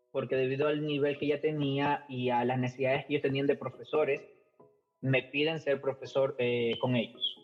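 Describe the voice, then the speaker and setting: A middle-aged man from Ecuador with an Ecuadorian Spanish accent, talking casually as a podcast guest, hesitant, with many fillers and repeated words. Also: medium pitch. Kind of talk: casual conversational storytelling. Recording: muffled lo-fi podcast audio, faint music.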